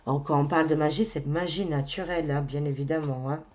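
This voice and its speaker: A woman reading tarot cards for her viewers in a casual, chatty way, full of fillers and excited exclamations. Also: low-pitched, fairly quick. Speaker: tarot card reader.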